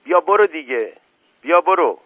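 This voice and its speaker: A man's voice: mid-range voice, breathy edge, no echo, close to an everyday voice. A man voicing a scornful, grumbling village man, heard on a tinny radio recording.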